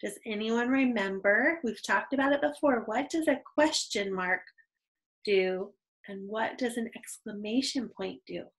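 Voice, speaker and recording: A woman's voice: fairly high pitch, a little slow, rough recording. A young adult woman teaching an online reading lesson to young children, patient and encouraging, on a computer microphone.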